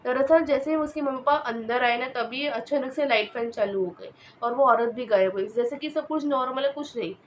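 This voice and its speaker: A woman casually telling a horror story, her speech hesitant and full of fillers and restarts. Her voice sits a little high. Faint background noise is heard. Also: fairly quick, few pauses, rough recording.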